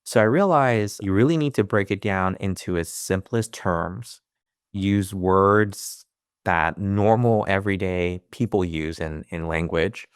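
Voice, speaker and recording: Interviewed as a guest, an American financial advisor in his thirties speaks a little slowly in a low, resonant, smooth voice. He grew up in the US speaking Chinese at home first, and his earnest answers are full of restarts and fillers. It's a dry, close recording.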